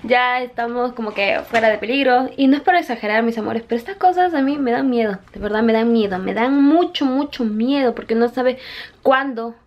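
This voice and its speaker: A young woman with a high voice chats casually and confidingly in a vlog, often speaking straight to her viewers. She talks briskly, and the audio sounds muffled, captured by a handheld camera held at arm's length with clear background noise.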